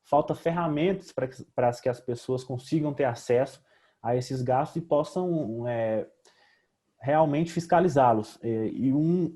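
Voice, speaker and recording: A young man with a Brazilian accent gives a student project presentation that's semi-formal and explanatory. His voice is medium-pitched and warm, and he hesitantly repeats words as he goes.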